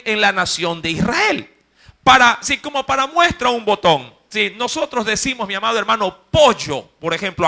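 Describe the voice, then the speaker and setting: A man with a coastal Ecuadorian accent preaching a sermon. He talks fervently, keeps checking in with his listeners, and swings from loud emphasis to quiet asides. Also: extremely high pitch.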